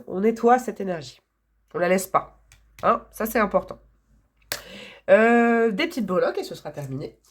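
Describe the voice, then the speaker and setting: A hoarse woman giving a casual, enthusiastic tarot reading to her viewers, chatty and quick to laugh. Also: mid-range voice, slight background noise. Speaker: tarot reader.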